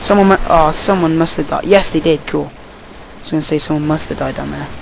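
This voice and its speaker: A tired young Welsh man rambles through casual commentary over his gameplay, easily distracted and swearing at the game. His voice is on the high side and creaky, his pace is brisk, and there's background noise.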